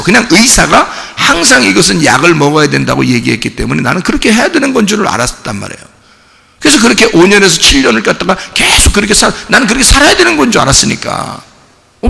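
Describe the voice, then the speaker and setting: A pastor preaching a sermon in an animated way, sometimes rising to shouts. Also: male voice, sits high, vocal fry, long reverb tail. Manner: animated preaching, acts out quoted voices; rises to shouting at climaxes. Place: church sanctuary.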